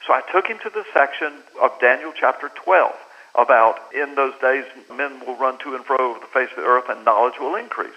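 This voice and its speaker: An American author, his voice medium-pitched and a little fast, tells a story during a radio interview heard over a lo-fi phone line. He narrates animatedly, acting out the voices of the people he quotes.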